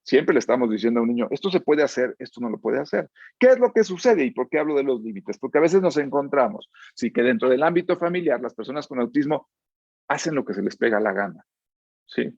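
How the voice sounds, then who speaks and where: A psychologist with a Mexico City accent giving an earnest lecture, often asking "¿sí?" to check in. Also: male voice, mid-range voice, expressive, fast talker, a little mellow, no echo, lo-fi sound. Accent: Mexico City Spanish. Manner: keeps checking in with a questioning "¿sí?"; earnest, explanatory, uses fillers like "este". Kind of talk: lecture with told anecdotes.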